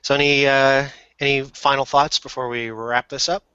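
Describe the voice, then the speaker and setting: A man with a bright, forceful voice hosts a casual podcast chat, steering the talk and laughing easily. The sound is dry and a little dull, like call audio. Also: medium pitch, level tone, normal speed, clear, resonant tone, no room sound. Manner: leads the talk, laughs often. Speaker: podcast host.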